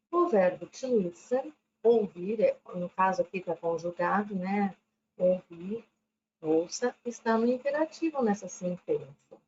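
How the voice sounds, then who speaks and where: A woman's voice: medium pitch, a little mellow. A woman, an English teacher giving a recorded lesson. She explains patiently, checks in often with "né?", and reads English examples carefully. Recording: dull lo-fi recording with faint background noise.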